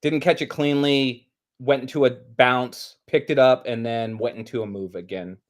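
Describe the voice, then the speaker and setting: A man with a mid-range, steady voice co-commentates a basketball stream at a moderate pace. He chats casually and breaks down plays in a conversational way.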